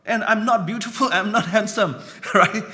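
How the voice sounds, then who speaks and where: Man preaching a sermon, bright and a bit high, chatty and keeps checking in with listeners. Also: normal speed. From Burma. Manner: conversational, often adds "you know" and "right?".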